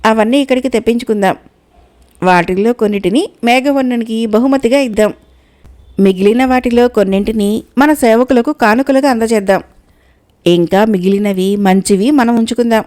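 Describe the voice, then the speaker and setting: Woman voicing ambitious fable king, eager, commanding, quick. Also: a little high, a little mellow, natural voice. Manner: enthusiastic, commanding.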